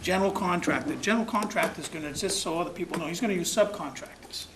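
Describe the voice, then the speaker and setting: A man with a high-pitched voice talks fast as he chairs a town commission meeting, his public remarks folksy, rambling and plainspoken. The public-access recording is noisy.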